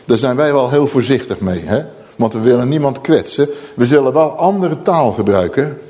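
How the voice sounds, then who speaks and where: A male preacher giving an emphatic sermon, reading scripture slowly and solemnly between his own comments. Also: medium pitch, expressive, warm tone, long reverb tail.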